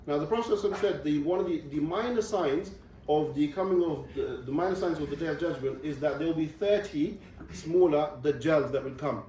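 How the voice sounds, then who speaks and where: A man's voice: on the high side, fast, warm tone, a little hiss or hum. A young man giving a religious lecture to students, explaining step by step and often checking in with "okay.". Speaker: visiting Islamic speaker. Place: university lecture room. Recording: distant mic in a very echoey room.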